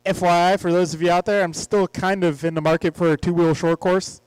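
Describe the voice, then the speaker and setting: A man with a fairly high voice runs the announcing at a hobby race track. He calls lineups and race positions and jokes casually between heats. The sound is dry and close. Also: flat delivery, a little fast, darkish tone, clean tone, no echo, low-quality recording. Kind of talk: live race commentary. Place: outdoor RC track.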